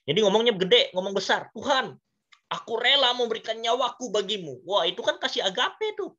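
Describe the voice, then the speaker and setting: A bright-voiced man preaches to a youth group in a church. He tells the story with energy, slips into the voices of the people in it and keeps asking his listeners questions. The recording sounds muffled and lo-fi. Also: high-pitched, a little fast. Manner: lively storytelling, acts out dialogue, asks the audience questions. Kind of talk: youth sermon. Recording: dull lo-fi sound.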